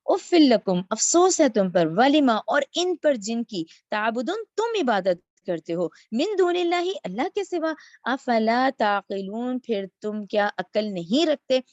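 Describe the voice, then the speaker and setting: A woman's voice: fairly high pitch, sing-song, dry recording, dull audio. A woman teaching a verse-by-verse religious lesson, reciting Arabic phrases and then explaining each one. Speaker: Quran teacher.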